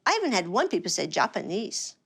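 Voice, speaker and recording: A woman's voice: medium pitch, very animated, brisk, gravelly, breathy edge. An American woman with a foreign-sounding, French-like accent, earnestly explaining her condition in a TV news interview. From United States. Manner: earnest, explaining carefully with repetitions.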